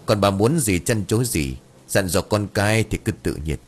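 A man voicing a calm, firm female exorcist in a Vietnamese ghost audiobook. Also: on the low side. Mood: stern. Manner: stern, measured. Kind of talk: audiobook character voice.

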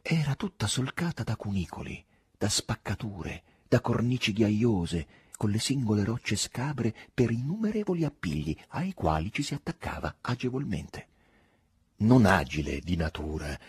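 Deep, husky male audiobook narrator. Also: no room sound, clean studio sound. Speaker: audiobook reader.

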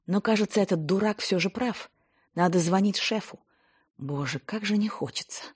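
Brief: a woman playing a sick, irritable professional woman, sarcastic, husky. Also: medium pitch, moderate pace. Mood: irritated. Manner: exasperated and sarcastic.

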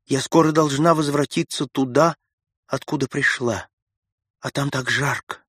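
A man voicing a ghostly lady in an old-fashioned dress, speaking low, hushed and plaintive in an audiobook. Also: steady tone, measured pace, breathy edge, no echo, clean studio sound. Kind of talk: audiobook character voice.

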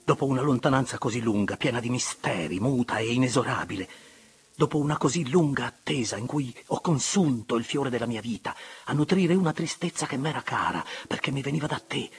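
A man's voice: medium pitch, slightly rough. A man voicing a wounded young nobleman, intense and pressing, who speaks with bitter ardor. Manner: intense, pressing, rising to sharp outbursts.

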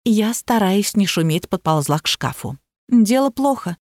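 A woman narrating a comic novel in first person with a lively, ironic manner. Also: medium pitch, unhurried, no echo, studio quality. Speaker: audiobook narrator.

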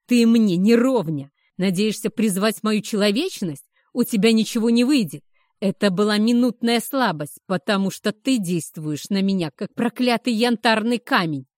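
A woman voicing a furious male werewolf pack leader who shouts and snarls threats. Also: medium pitch, moderate pace, no echo, clean studio sound, lightly acted.

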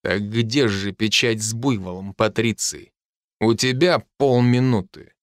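A man reading an audiobook voices a ruthless young fighter who speaks slowly, low and menacing. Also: no room sound, clean studio sound, close to an everyday voice. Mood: interrogating.

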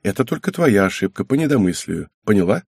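Male reader doing a tired middle-aged father, low husky voice, slow and soothing, dry audiobook sound. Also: sing-song, a little mellow, no echo, exaggerated voice. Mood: calm. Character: patient, weary middle-aged clan heir father.

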